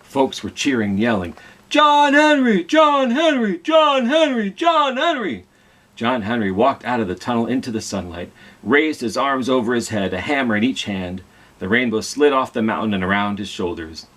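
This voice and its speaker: A man with a lowish, somewhat bright voice reads briskly from a picture book for a children's storytime. He performs the story dramatically and keeps asking his young audience questions.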